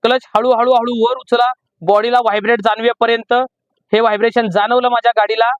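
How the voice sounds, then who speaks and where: A man with a Marathi accent teaching driving from inside a parked car, explaining slowly and repeating each step. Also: extremely high pitch, little pitch movement, dry recording, highs cut off. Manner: repetitive, slow emphatic teaching. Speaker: driving instructor. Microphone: camera in the car.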